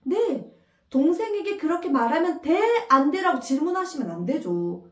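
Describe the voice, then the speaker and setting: Middle-aged woman giving a parenting talk, lively and highish, kinda far from the mic in a roomy space. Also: normal speed. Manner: expressive, acts out parent and child lines in a raised voice. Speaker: parenting educator. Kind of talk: parenting lecture. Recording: echoey room, mic at a distance.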